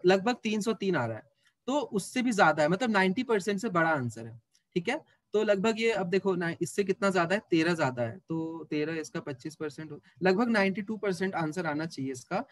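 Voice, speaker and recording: A man with a high, light voice teaches math in a live online class. He talks casually and teases students as he works through the numbers aloud, recorded close in a dry setting. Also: dry recording. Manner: chatty, teasing students while working sums aloud.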